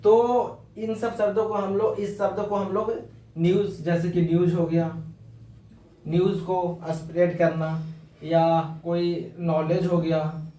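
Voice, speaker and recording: A man's voice: high voice, level tone, warm tone, distant mic. Man teaching words in an echoey room. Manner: explains slowly in Hindi mixed with English, repeating words and spelling them out. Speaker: English vocabulary teacher. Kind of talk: informal vocabulary lesson.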